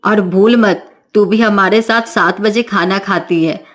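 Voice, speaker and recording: A woman's voice: mid-range voice, measured pace, close to an everyday voice. A woman voicing a strict middle-aged mother-in-law who scolds and gives orders in a commanding way in a cartoon story. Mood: scolding.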